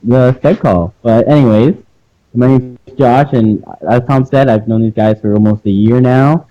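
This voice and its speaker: A man's voice: medium pitch, fairly even intonation, moderate pace. A young man chatting in an easygoing way as a podcast co-host, heard through muffled phone-call audio. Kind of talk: casual chat over a call. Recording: muffled dull phone line.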